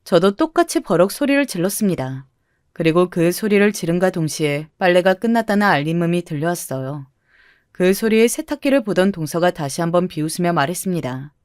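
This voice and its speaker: A woman calmly narrating a first-person story in a measured, scripted way. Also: fairly low pitch, dry recording, clean studio sound.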